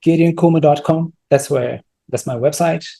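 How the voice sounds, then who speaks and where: A Brazilian man whose first language is Brazilian Portuguese speaks in a soft, warm, slightly high and creaky voice. A software entrepreneur guest in a casual interview, he's halting and thoughtful, thinking out loud, searching for words and restarting often.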